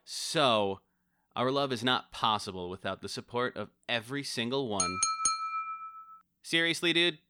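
A man's voice: medium pitch, lively intonation, measured pace, pauses often, heavy background noise, lightly acted. A man playing an exasperated groom who stumbles through a thank-you speech and curses. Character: flustered groom giving a speech.

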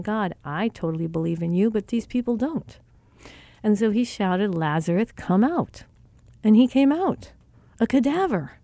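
A woman's voice: medium pitch, dark tone, dry recording. A woman giving an earnest spiritual talk who retells scripture with quoted dialogue.

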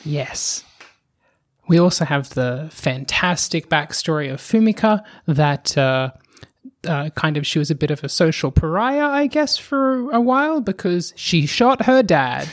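Podcast co-host, casual chat, mid-range pitch, long explanations, quick bursts, sighs. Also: sing-song.

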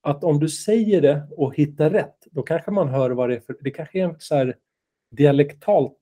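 A man's voice: fairly high pitch, dark tone. A man co-hosting a casual podcast chat, explaining things with fillers and restarts and teasing his partner. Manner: chatty, explains with hesitations and fillers; teasing, playful. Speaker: podcast co-host.

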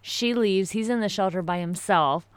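A woman's voice: medium pitch, moderate pace, clean tone, no echo. A woman in casual conversation, backing up and finishing a shared story. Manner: supportive listener, chimes in to finish stories. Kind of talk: casual chat.

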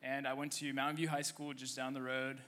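Bright-voiced young man sharing his story. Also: mid-range voice, level tone. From Egypt. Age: 20s. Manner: halting, many fillers and restarts. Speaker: church member guest. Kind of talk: conversational testimony on stage. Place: church service stage.

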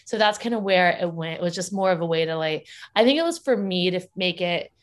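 A woman's voice: fairly low pitch, animated, brisk. A woman talking casually as an interview guest about her work with parents and children, upbeat and laughing often as she speaks. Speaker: guest, parenting educator and school founder.

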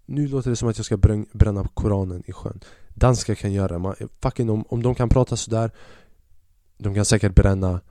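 Low-voiced guy telling a funny story on his podcast, slangy, swears a lot, dry close mic. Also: fairly even intonation, warm tone, no echo. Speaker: podcast host. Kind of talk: comic storytelling.

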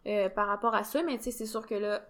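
A woman's voice: medium pitch, steady tone, quick pace, a bit bright. A young woman with a Québécois accent co-hosting a fitness podcast, chatting casually with many "tu sais" fillers. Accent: Québécois French. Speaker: podcast co-host.

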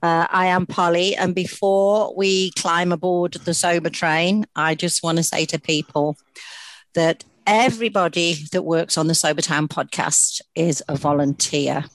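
A British woman hosts a podcast in a casual, chatty way. Her voice is low for a woman, and the recording is dry, with very little room sound. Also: steady tone, unhurried, no room sound, rough recording. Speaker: podcast host. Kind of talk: casual podcast introduction and chat.

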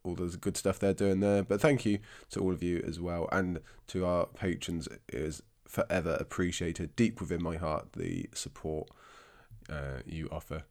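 An Englishman hosts a casual book podcast, delivering a chatty, self-deprecating monologue while a cold leaves him congested and his throat scratchy. His voice is deep and darkish, at a moderate pace.

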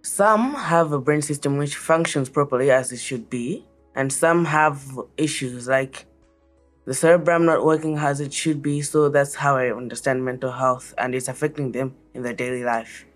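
A woman's voice: rumbling low, moderate pace, faint music behind. A teenage girl from Malawi answering interview questions in an earnest, careful way. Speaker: child guest.

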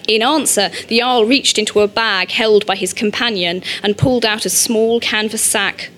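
A woman reading an audiobook, narrating in a measured, steady storytelling manner. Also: medium pitch.

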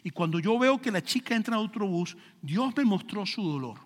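A man's voice: high-pitched, lively intonation, normal speed, long reverb tail. A man, a pastor preaching a sermon, telling a story and building to fervent emphasis.

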